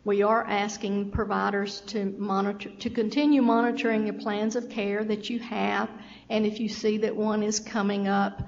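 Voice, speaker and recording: A woman with a Southern US accent gives a measured agency update. Her voice is gravelly and fairly flat in pitch. The recording is dull and faintly hissy, with a long reverb from a meeting room. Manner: measured, explanatory, occasional stumbles. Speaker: state agency official presenting. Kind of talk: public meeting presentation.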